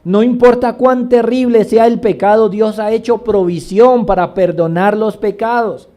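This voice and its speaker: A male pastor preaches with animated emphasis, often pausing to ask rhetorical questions. His voice sits a little high for a man but has a mellow, soft tone. He reads scripture passages aloud between explanations. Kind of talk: sermon.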